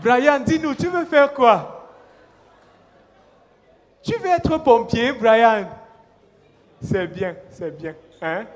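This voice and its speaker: A man playing a blunt, mocking male primary school teacher with a Cameroonian French accent, loud and teasing, calling pupils by name. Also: very high-pitched, very slow, pauses often, heavily acted. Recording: live stand-up stage, long hall reverb.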